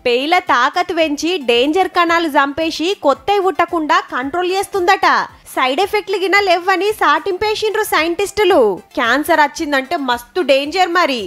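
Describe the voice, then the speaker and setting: Very high-voiced woman explaining news in dialect. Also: fairly bright tone. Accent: Telangana Telugu. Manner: chatty, explanatory. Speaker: satirical news presenter.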